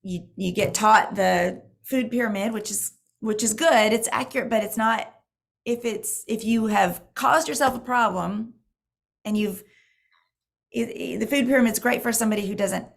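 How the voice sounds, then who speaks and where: Middle-aged woman, hoarse with heavy vocal fry, rambling casual Q&A host, self-correcting. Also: on the high side, normal speed. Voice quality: hoarse, creaky. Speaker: diet program mentor and host. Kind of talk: casual live Q&A chat.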